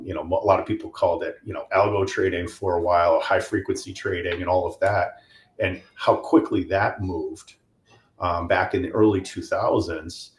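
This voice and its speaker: A middle-aged man talking casually as a podcast guest, lively and full of ums, acting out quoted dialogue. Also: deep voice, roomy sound. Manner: animated, acts out quoted dialogue with many fillers. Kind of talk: casual interview talk.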